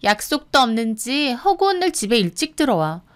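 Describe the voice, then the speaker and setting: A woman's voice: fairly high pitch, big pitch swings, moderate pace. A woman voicing a young sister-in-law who mocks and threatens with open contempt, in a radio drama. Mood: mocking. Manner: mocking, contemptuous, menacing.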